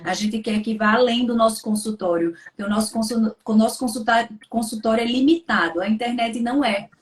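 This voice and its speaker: A woman's voice: on the high side, fairly quick. A woman psychiatrist hosting a live stream conversation, talking in a chatty way and often checking in with tag questions. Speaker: psychiatrist, host. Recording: roomy echo.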